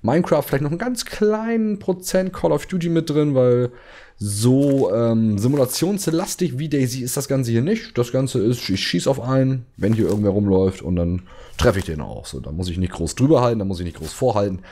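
Mellow-voiced man, easygoing game walkthrough. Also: mid-range voice, animated, brisk. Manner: chatty, many fillers and restarts, explains step by step. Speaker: gamer showing a game build. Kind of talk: casual gameplay commentary.

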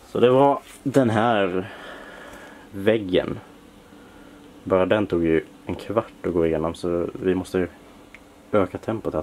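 A man from Sweden giving a casual tour of his home workshop, listing parts in a relaxed way with many fillers. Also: low-pitched, a little hiss or hum. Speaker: Lego collector showing his workshop. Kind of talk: casual room-tour narration. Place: home workshop room, dim lighting.

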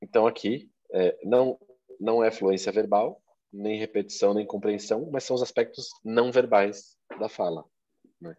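A man talks through exam questions, animated and full of examples. His voice sits low and husky. The recording sounds dull and lo-fi. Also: normal speed. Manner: animated, explains with examples and asides. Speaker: exam prep instructor. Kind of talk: explanatory discussion of exam questions.

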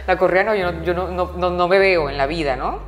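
A woman's voice: on the low side, fairly quick. A woman guest talking candidly in an interview, stressing points by repeating her words. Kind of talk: candid conversational storytelling. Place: interview set. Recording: roomy reverberant room, faint music.

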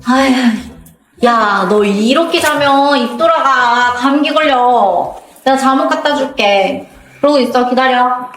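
A young woman acting an exasperated but loyal friend in an audio drama, with a nagging, expressive delivery. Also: high-pitched, unhurried, echoey room, faint music behind, rough recording. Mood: exasperated, fussing. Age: young adult.

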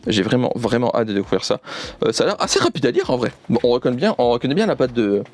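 Fast and with wildly swooping pitch around a mid-range base, a young man presents a manga unboxing as an eager, unscripted vlogger who tends to repeat himself. He's indoors beside shelves of manga.

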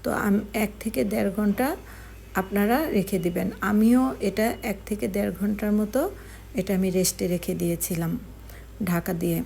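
Gravelly woman explaining a home recipe. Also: mid-range voice, steady tone, mellow. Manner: slow, step-by-step explaining with fillers. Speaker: cooking channel host. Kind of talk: home cooking tutorial narration.

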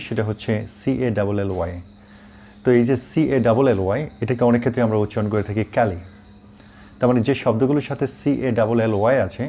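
A middle-aged man who teaches English, explaining pronunciation and spelling words out slowly, mixing English words into his talk. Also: medium pitch, mellow, slight background noise. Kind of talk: online pronunciation lesson.

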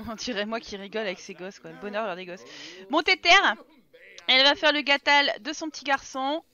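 A woman's voice: a little high, brisk, sharp tone, muffled recording. A young French woman hosting a life-sim let's play, exasperated, swearing, laughing and scolding her characters. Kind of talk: casual gaming commentary.

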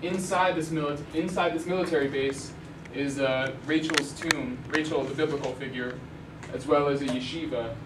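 Speaking at a normal speed with hardly any pauses, a young Arizona journalist gives a slide lecture indoors in a university lecture hall. His slightly high voice is casual, full of ums and restarts. A room mic far off catches plenty of echo and steady noise.

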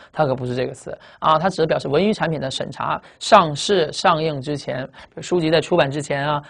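A man teaching English vocabulary in a recorded lecture. He asks the class questions and answers them himself, and he reads the English words slowly and spells them out. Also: fairly high pitch, gravelly. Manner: often ends phrases with a drawn-out "ah".

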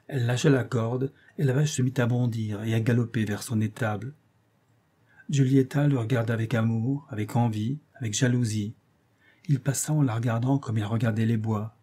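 Male audiobook reader, dark husky tone, measured expressive narration of classic literature. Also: medium pitch.

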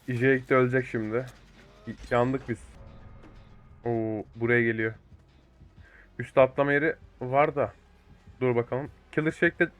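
A young man giving excitable live commentary over a multiplayer game, swearing and talking to teammates and viewers. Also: mid-range voice. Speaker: gaming YouTuber.

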